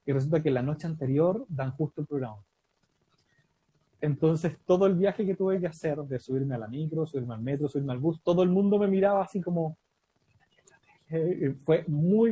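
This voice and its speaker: A man from Chile with a Chilean accent, telling a lively story about a quiz show win, often laughing and acting out the dialogue. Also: fairly high pitch, no echo, low-quality recording. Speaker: guest storyteller. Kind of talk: casual anecdote telling.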